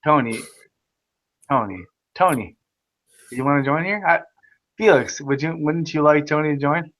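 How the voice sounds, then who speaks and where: A man hosting a casual online video chat, talking loudly and excitably, with frequent swearing. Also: a little high, normal speed. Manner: loud, profane, excitable. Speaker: host.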